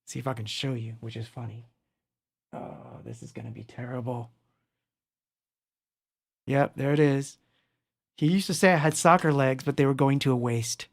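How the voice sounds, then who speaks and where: With a gravelly, medium-pitched voice and long pauses at a moderate pace, a middle-aged man from Argentina rambles through a casual livestream. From his home studio he laughs often and greets chat viewers by name, in a dry, clean studio recording.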